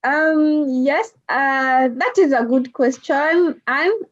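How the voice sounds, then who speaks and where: A woman's voice: high-pitched, slow pace. A woman from Kenya with a Kenyan accent, a guest talking casually in an interview, hesitant with many fillers and easy laughs. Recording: dull lo-fi sound.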